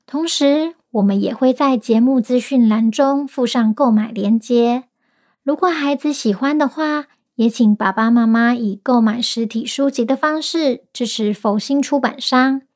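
High-pitched Taiwanese woman reading to a toddler. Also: unhurried, darkish tone. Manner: reading to a toddler, addressing little listeners directly. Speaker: children's story podcast host. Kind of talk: storytelling to young children.

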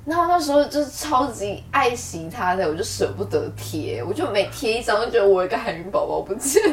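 A woman's voice: medium pitch, a little fast, few pauses, far from the mic. A young woman with a Taiwanese Mandarin accent, gushing and laughing in a casual podcast chat. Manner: expressive, gushing, laughs often. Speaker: podcast co-host. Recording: set back from the mic with faint room noise.

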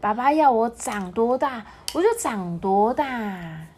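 A woman voicing an eager little boy chameleon in a read-aloud picture book, calling out his wishes with excitement. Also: on the high side, takes it slowly, slight background noise.

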